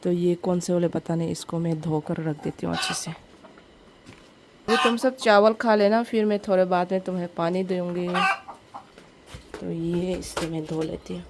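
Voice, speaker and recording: Filming a home vlog on a noisy handheld camera, a woman talks casually to viewers around her village house and its yard. She has a Northeast Indian accent, a fairly low-pitched voice, and a flat delivery at normal speed.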